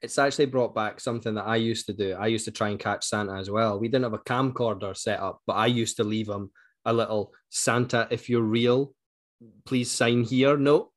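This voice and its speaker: A man's voice: fairly low pitch, a little fast. Male Scottish co-host, informal conversational storyteller who dramatises reported speech. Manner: animated retelling, acts out quoted speech. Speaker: book club podcast co-host. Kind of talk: casual chat, anecdotal storytelling.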